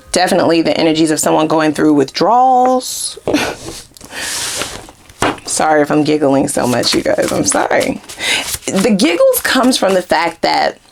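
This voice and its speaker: Giggly woman with a lively voice. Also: sits low, slow, creaky, pauses often, background noise. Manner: giggly, animated, frequent swearing. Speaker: tarot reader. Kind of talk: casual tarot reading.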